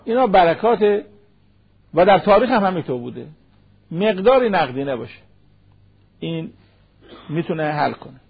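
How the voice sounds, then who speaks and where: A man preaching a sermon, quoting Arabic verses and hadith in a slow recitation and asking rhetorical questions. He acts out the voices of people he imagines. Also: sits high, big pitch swings, gravelly, slightly rough. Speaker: cleric. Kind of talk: sermon on marriage. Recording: dull lo-fi radio broadcast.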